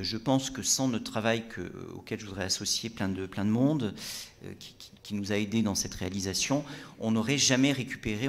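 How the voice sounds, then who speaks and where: A man giving a talk about a book in a library lecture room, hesitant and full of fillers and restarts, before reading extracts aloud. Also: lowish voice.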